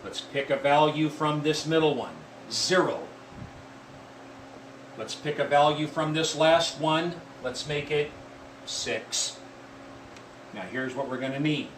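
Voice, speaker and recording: A man teaching a math lesson, explaining step by step in a deliberate way and repeating key points. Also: fairly high pitch. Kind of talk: classroom math lecture. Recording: echoey room from far off with faint noise.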